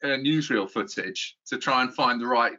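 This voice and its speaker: Middle-aged man, bright, forceful voice, rambling self-deprecating chat over a dull lo-fi line. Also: mid-range voice, normal speed. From England. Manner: rambling, self-deprecating, with frequent restarts and chuckles. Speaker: YouTube guide host, interview guest. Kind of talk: casual interview chat.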